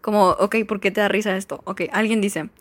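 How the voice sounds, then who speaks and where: A woman's voice: medium pitch, little pitch movement, a little fast. A young woman, chatting casually as she reads jokes aloud, giggly and full of fillers. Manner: giggly, chatty, filler-heavy, mock-exasperated. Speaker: vlogger reading jokes.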